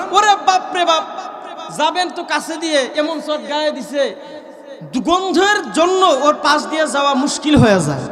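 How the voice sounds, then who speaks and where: A man from Bangladesh with a Gaibandha Bengali accent, preaching a waz sermon that he shouts and breaks into slow chanted verses, calling on the crowd to repeat after him. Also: very high voice, reverberant, long reverb tail. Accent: Gaibandha region Bengali. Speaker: Islamic preacher.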